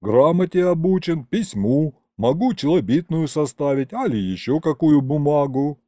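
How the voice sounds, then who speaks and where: A man's voice: a little high, animated, normal speed, warm tone, dry recording, clean studio sound, voice pushed up, close to an everyday voice. Man doing a shy young peasant clerk. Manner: hesitant, deferential old-fashioned speech.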